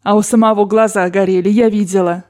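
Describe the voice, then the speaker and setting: A woman's voice: mid-range voice, steady tone, fast, a little mellow, lightly acted. A woman voicing an imperious rich old grandmother who gives orders in a brusque, commanding way in an audiobook. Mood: bossy. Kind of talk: audiobook character voice.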